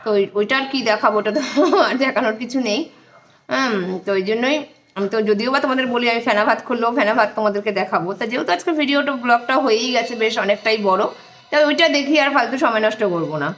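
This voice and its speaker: A woman's voice: fairly high pitch, quick pace, fairly bright tone. A middle-aged woman vlogging from her home, talking in a homely, chatty way to her viewers while holding her phone in one hand. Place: home, indoors. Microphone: phone held in one hand.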